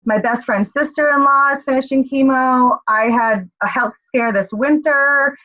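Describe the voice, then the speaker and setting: A woman's voice: sits high, a little slow, pushed and bright, highs cut off. A woman leading her team on a group call, upbeat and rallying, checking in often with "okay?". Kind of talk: motivational group call talk.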